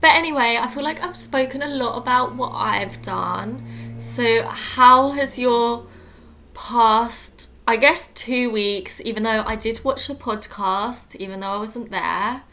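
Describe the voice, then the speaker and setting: A young adult woman chats on a casual podcast, her voice bright and forward. She rambles through a story with frequent fillers, likes and easy laughter, sounding relaxed and talkative. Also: a little high, measured pace, slight background noise. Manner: chatty, laughs often, many fillers. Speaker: podcast co-host. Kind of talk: casual chat.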